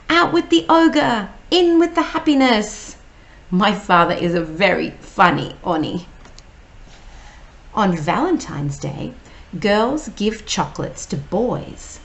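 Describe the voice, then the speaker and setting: Woman reading a children's book aloud, slow, lively pitch, lowish voice, faint hiss. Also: poor audio. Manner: slow, gentle, explaining each word. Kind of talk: read-aloud storytime.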